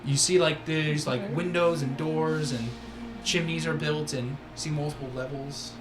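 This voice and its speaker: A man's voice: fairly high pitch, steady tone, normal speed, background noise. A man improvising tabletop game narration as game master, in a conversational, piecemeal way. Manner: conversational, piecemeal descriptions full of "like". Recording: roomy echo with music behind.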